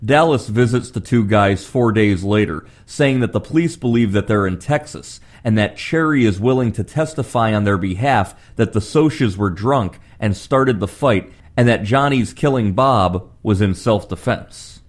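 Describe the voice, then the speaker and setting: A man's voice: on the low side, normal speed, few pauses. Man narrating a scripted film review.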